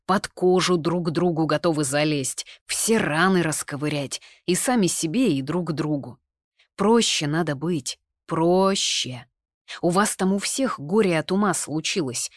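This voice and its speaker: A woman reading the lines of a lively, stubborn young man in an audiobook, arguing in a brisk way. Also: on the low side, no room sound, clean studio sound, pitched above the performer's own voice, lightly acted. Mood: heated.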